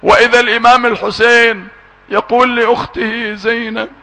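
A man preaching to a gathering as a mourning preacher. He moves between quick speech and slow, drawn-out chanted lament, and sometimes raises his voice to a shout. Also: very high-pitched, level tone, low-quality recording.

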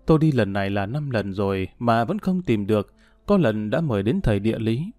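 A man's voice: on the low side, lively intonation, brisk, dark tone, no echo, studio quality, faint music behind, voice pushed down, natural voice. A man voicing a courteous middle-aged male war veteran, polite and subdued.

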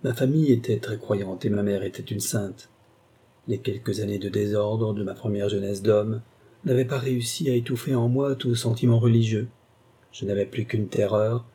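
A man's voice: on the low side, breathy edge. A man voicing a tormented old gambler who believes he sold his soul, speaking with impassioned, feverish intensity in an audiobook reading. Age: older. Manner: impassioned, swings from grave confession to raging shouts.

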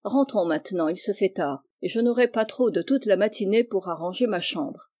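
A reader voicing a kind but firm middle-aged male doctor who is an uncle, read in a measured, instructive way. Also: mid-range voice, mellow, lightly acted.

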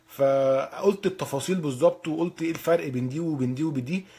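A man's voice: fairly high pitch, darkish tone, breathy edge. A man with an Egyptian Arabic accent giving informal, blunt advice as an instructor, in colloquial speech that repeats points for emphasis. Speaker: accounting certification instructor. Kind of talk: informal advice talk to learners.

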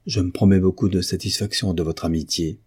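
A man's voice: sits low, steady tone, a little fast, breathy edge. A man reading a gracious young nobleman. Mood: courteous. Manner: polite and warm formality.

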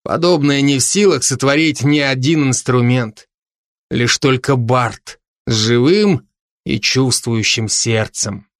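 A man voicing a wise, sly old bard teaching his apprentice in a slow, instructive way. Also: mid-range voice, dry recording, studio quality.

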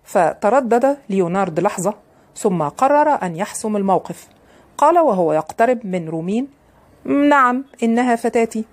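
Woman reading an audiobook, steady and measured, middle pitch. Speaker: audiobook narrator. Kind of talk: scripted narration.

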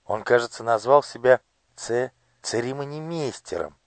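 A nervous young girl page who whispers, stammers and blurts things out, her voice lifted high, as a man voices her in an audiobook. The sound is close and dry. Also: moderate pace, no room sound, close to an everyday voice.

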